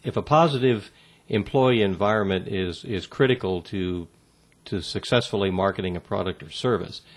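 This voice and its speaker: A man answering interview questions about workplace communication in a measured, halting way with many fillers and restarts. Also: lowish voice.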